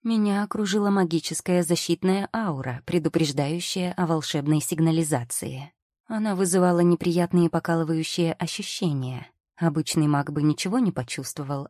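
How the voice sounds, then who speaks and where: A woman's voice: low voice, mellow, no room sound. A woman narrating an audiobook in the first person with a wry, ironic storytelling manner, recorded on a close studio mic.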